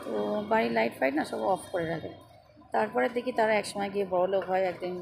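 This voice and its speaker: A middle-aged woman with a hoarse voice, chatting casually to her viewers in a lifestyle vlog while out near home. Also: mid-range voice, fast, music in the background. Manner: chatty, addresses viewers directly. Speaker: lifestyle vlogger. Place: out and about near home and shops. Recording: loud background noise.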